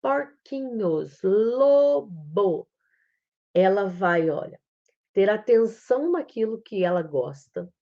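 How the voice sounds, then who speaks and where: Woman, Brazilian Portuguese accent, unhurried teaching talk, animated rise and fall, dull lo-fi stream sound. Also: mid-range voice. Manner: explains slowly, acts out a child's speech. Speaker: psychomotricity educator.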